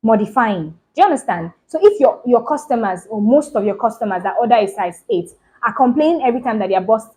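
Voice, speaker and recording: Woman host, slightly high pitch, brisk casual explainer who repeats herself for emphasis. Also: animated, dark tone, low-quality recording. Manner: talks fast, repeats points, keeps asking "do you understand?". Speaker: fashion business channel host. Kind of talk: casual instructional talk to camera.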